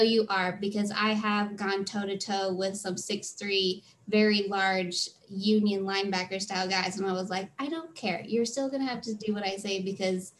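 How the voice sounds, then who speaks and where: Answering interview questions, this woman works as a freelance theater tour manager and speaks chattily and earnestly, with plenty of filler words. Her voice is slightly high-pitched, and a faint hiss or hum sits under the recording.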